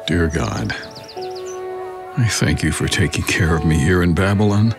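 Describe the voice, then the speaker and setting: An actor playing an old, humble, devout exile praying earnestly in a Bible drama. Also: male voice, deep voice, measured pace, over loud music. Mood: grateful, earnest. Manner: earnest, prayerful.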